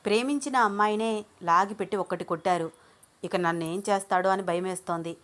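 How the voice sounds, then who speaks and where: A woman's voice: medium pitch, a little fast, a bit bright, lightly acted. Ranga is a hired man who speaks deferentially and sounds fearful. A woman narrator voices him in an audio story. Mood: nervous.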